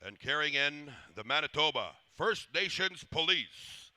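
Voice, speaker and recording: Forceful, clear male powwow announcer. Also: fairly high pitch, animated. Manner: formal, reverent, measured phrasing. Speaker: powwow master of ceremonies. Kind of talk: live ceremonial announcing.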